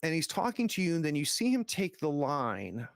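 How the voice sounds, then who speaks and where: A man's voice: a little high, sing-song, moderate pace, no echo. A man hosting a tabletop roleplaying game as game master, narrating and explaining in a casual, conversational way.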